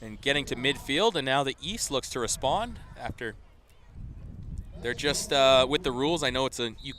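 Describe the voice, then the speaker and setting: A man's voice: medium pitch, normal speed, a little hiss or hum. Chatty football play-by-play man. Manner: chatty and rambling, rising to excited shouts on big plays. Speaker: play-by-play commentator. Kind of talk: live football commentary. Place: outdoor football stadium. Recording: live stream from a stadium crowd. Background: crowd.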